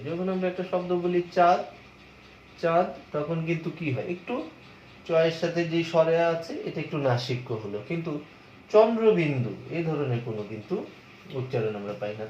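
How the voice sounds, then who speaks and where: A slightly high-voiced man gives a lecture and explains each point step by step, answering the questions he asks himself. The sound is muffled and echoes around the room, with a faint hiss behind it. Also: a little mellow. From Bangladesh. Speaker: college lecturer. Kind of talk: lecture on pronunciation.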